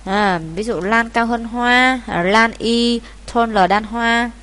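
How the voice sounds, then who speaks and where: A woman's voice: fairly high pitch, fairly even intonation, slow, fairly bright tone, smooth. A woman teacher from Vietnam patiently walking students through an exam, repeating key points as she goes. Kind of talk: exam walkthrough lesson.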